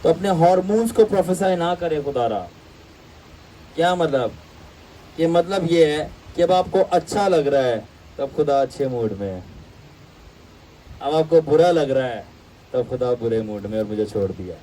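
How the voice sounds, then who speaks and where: A man teaching a Bible class, animated and storytelling, mixing English phrases into his talk. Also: a little high, pauses often, distant mic, slight background noise, low-quality recording. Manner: animated, acts out voices in anecdotes; mixes English phrases into Urdu.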